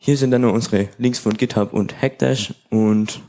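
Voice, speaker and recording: A man presenting the technical side of his team's project at a hackathon, in a brief and halting way. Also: lowish voice, fairly even intonation, mellow.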